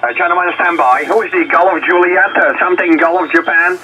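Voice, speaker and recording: A man's voice: sits high, fairly even intonation, fairly quick. A man working as an amateur radio net controller, speaking over two-way radio in procedure words and call signs. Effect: heard over shortwave radio. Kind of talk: radio contact traffic, over walkie-talkie style. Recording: muffled noisy shortwave radio reception.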